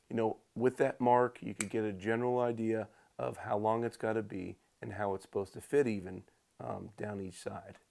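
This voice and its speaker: A man talks through practical how-to advice in a casual, conversational manner. His voice sits on the low side with a gravelly creak, and the tone is soft-edged and mellow. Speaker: hunting pro staff instructor. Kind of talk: casual instructional talk.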